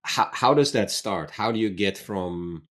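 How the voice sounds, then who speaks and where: A man hosting a conversation, working his way through long questions and rephrasing as he goes. His voice is very low and deep, with an easy, unhurried delivery. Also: fairly bright tone. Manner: searching, rambling questions. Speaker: interviewer, host. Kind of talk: conversational interview.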